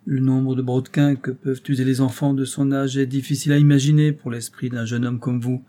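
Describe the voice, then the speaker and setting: A man's voice: mid-range voice, flat delivery, brisk, dark tone, lightly acted. A man reading aloud and voicing a grieving, pleading old drunken grandfather who halts and repeats words. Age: older.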